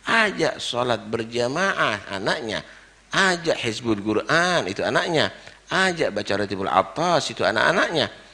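Gravelly, forceful male preacher. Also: mid-range voice, big pitch swings, moderate pace. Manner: emphatic, with rhetorical questions and sudden loud exclamations; recites Arabic verses in a chanting tone. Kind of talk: dawn lecture sermon.

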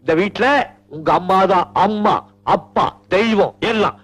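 An actor playing a bookish, teasing husband in a Tamil film who talks theatrically and swings into mock anger. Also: male voice, high-pitched, big pitch swings, a little fast, creaky, heavily acted. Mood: blustering. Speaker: male lead. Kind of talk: 1980s Tamil film acting.

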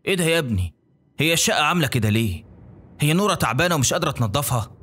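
A man's voice: fairly high pitch, expressive, racing, fairly bright tone, pitched above the performer's own voice. A man voicing a bossy, scolding older Egyptian mother in a storytelling video, speaking with an Egyptian accent. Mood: concerned. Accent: Egyptian Arabic.

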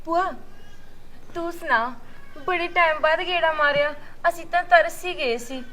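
An actress playing a gentle young daughter in a Punjabi village drama, soothing and coaxing with a Punjabi accent. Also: female voice, very high-pitched, measured pace, exaggerated voice.

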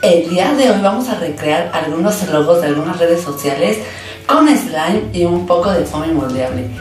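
A woman's voice: lowish voice, lively intonation, normal speed, a little mellow. A woman narrating a hands-on craft video as its host, casually, with an enthusiastic sing-song delivery. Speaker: host of a slime craft channel. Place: indoors at a tabletop, hands-only shot. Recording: very echoey room, distant mic, background music. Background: music.

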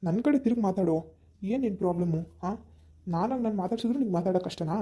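Rahul, a woman putting on a wounded loyal young man, reproachful questions, voice pushed down low, very dark tone, amateur village drama. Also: fast talker, husky, natural voice. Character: hurt young man, loyal old friend.

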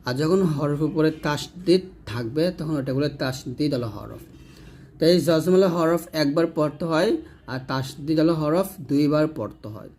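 A man with a fairly high voice teaches reading rules in a patient, methodical way. He sounds out letters and syllables slowly and repeats each example several times. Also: a little mellow. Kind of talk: step-by-step recitation lesson.

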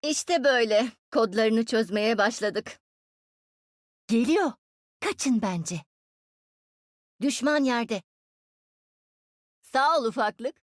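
A woman's voice: on the high side, lively intonation, very slow, pauses often, dry recording, clean studio sound. A woman voicing a cheeky, smug young female inventor and genius in dubbed game voice lines, teasing her teammates playfully. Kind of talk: Turkish game dub voice lines.

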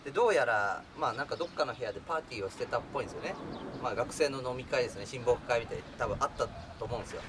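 Speaking very fast in a mid-range voice, a man recounts a funny true story casually, laughing as he goes and doing the voices of everyone involved. It was recorded on a distant mic, with background noise clearly audible.

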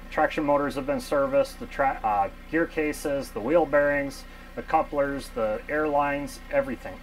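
A locomotive mechanic in his thirties explains repair work in a casual, matter-of-fact technical way, full of ums and uhs, on a lapel mic in a machine shop. His voice is mid-range and gravelly, with slight background noise and poor audio.

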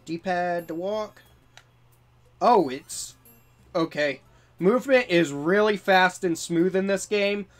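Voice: medium pitch, takes it slowly, long pauses. A gamer chatting casually through a let's play, reading bits of on-screen text and adding amused asides. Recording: faint music behind. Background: video game music.

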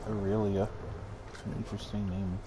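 A man with a lowish voice chats during a game stream, tossing out dry, offhand comments. There is a noticeable hiss behind his voice. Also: little pitch movement, brisk. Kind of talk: casual gameplay chat.

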